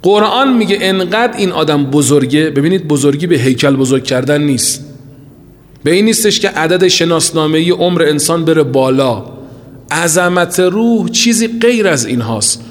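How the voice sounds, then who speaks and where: A man preaching a fervent sermon in a large hall, his fairly high voice trailing a long reverb. He climbs into ringing cries, then drops to slow, hushed lines and recites scripture. He speaks from a shrine hall, the sound carrying far. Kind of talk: impassioned religious sermon.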